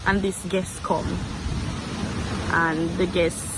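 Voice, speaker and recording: A woman's voice: lowish voice, flat delivery, slow. A woman in her twenties with a Jamaican accent, telling a personal story earnestly and repeating herself for emphasis. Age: 20s. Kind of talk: emotional personal account. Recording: noisy background.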